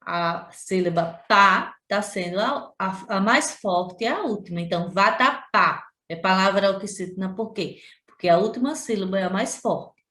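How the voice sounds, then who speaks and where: A woman's voice: mid-range voice, animated, pushed and bright. A woman teacher from Sergipe with a Brazilian accent, giving a remote lesson to children, repeating points and drawing out syllables. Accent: Brazilian Portuguese, Sergipe. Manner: slow, drawn-out syllables when pronouncing example words; addresses pupils directly, repeats points. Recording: echoey room.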